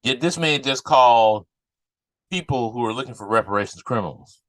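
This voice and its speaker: A man's voice: medium pitch, animated, moderate pace, fairly bright tone, dry recording, poor audio. A man giving off-the-cuff political commentary as a podcast host, indignant and emphatic, often repeating phrases for emphasis.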